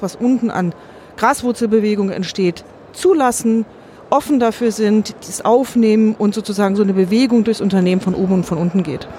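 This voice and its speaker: A woman speaking as an interview guest, measured and reflective, with an earnest, optimistic way of explaining. Her pitch sits in a middle range. A faint hum of traffic lingers behind her. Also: mellow. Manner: measured, reflective, self-correcting mid-sentence. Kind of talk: thoughtful conversational interview answers.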